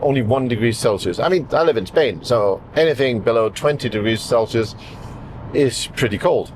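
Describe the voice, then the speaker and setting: A man's voice: medium pitch, expressive, normal speed, a little hiss or hum. A man hosting a car review vlog, chatting casually from inside a car while driving.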